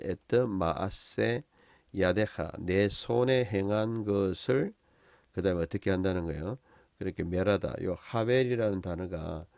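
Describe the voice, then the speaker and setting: Deep gravelly man teaching Hebrew slowly. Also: a little mellow, dry recording. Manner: explains Hebrew words slowly, with many fillers and tag questions. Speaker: Bible teacher. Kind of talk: Hebrew Bible lesson.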